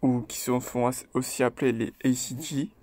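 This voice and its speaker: A man hosting his own video, talking through rap lyrics in a loose, chatty way, hesitating often and tagging his points with quick check-ins. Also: medium pitch, little pitch movement, a little mellow. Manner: loose and chatty, tags lines with "ok?" and "voilà"; hesitant, with frequent fillers and restarts. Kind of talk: casual spoken commentary.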